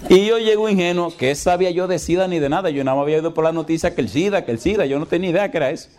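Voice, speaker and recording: A man's voice: a little high, racing, darkish tone. A middle-aged man, a pastor delivering an emphatic sermon. He asks the congregation rhetorical questions and acts out the dialogue of his story.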